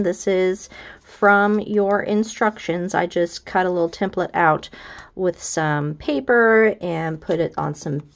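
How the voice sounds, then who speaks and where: Chatty American woman teaching quilting. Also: medium pitch. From United States. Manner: friendly, chatty, enthusiastic. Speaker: quilting instructor. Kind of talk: casual how-to walkthrough.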